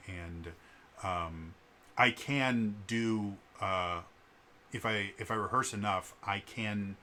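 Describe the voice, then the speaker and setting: A vlogger with a stutter speaks directly to the camera in an unscripted, earnest video, using frequent fillers and restarting often. His fairly low voice has a bright, forceful edge, and faint background noise lingers behind him.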